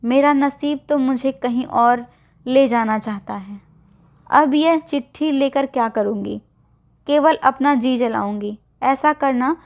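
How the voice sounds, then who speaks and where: A woman storyteller voicing a tearful, resigned young bride in a soft, sorrowful way. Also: high voice. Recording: dull lo-fi recording.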